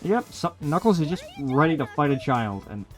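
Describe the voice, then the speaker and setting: A man's voice: fairly high pitch, sing-song, normal speed. A man hosting a let's play with casual, sarcastic, sweary commentary and plenty of complaints. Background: video game music.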